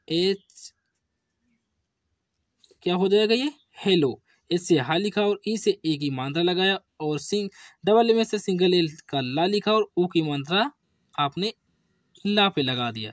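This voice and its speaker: A male teacher walks beginners through spelling, speaking very slowly and repeating each word. His mid-pitched voice sounds dry and close, with no room sound around it. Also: no room sound. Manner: slow, repetitive call-and-response drilling. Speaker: English teacher. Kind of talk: classroom lesson for beginners.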